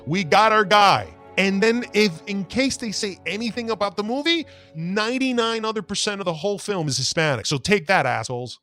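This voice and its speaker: A man's voice: sits high, expressive, brisk, pushed and bright, soft background music. A man voicing a blunt, profane film investor who swears freely and dismisses the actor out of hand. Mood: scoffing.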